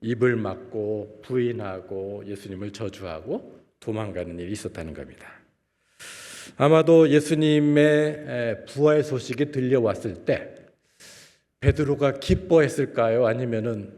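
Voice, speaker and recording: A man preaching a sermon in a church, asking the congregation questions and swinging between loud and soft phrases. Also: mid-range voice, moderate pace. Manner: asks the congregation rhetorical questions. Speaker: guest preacher, professor. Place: church sanctuary. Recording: long church-hall reverb.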